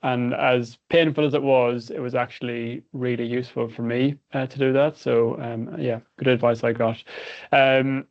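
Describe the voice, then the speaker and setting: A man's voice: mid-range voice, steady tone, moderate pace, highs cut off. Droll Irish man with a Cavan midlands accent. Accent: Irish, County Cavan midlands. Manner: droll, hesitant delivery. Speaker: webinar host. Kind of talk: casual webinar moderating.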